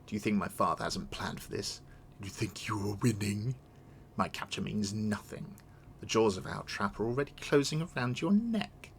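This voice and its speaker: Man acting captured video game villainess, sputtering foiled-villain menace, scornful, proud, lowish pitch. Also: animated, moderate pace, creaky, a little hiss or hum. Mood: defiant. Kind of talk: dramatic read-aloud of video game dialogue.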